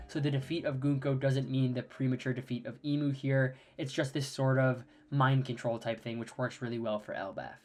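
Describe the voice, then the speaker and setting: Brief: sick man, raspy voice, keen casual analysis commentary, mid pitch. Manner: enthusiastic speculative analysis. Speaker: anime analysis youtuber.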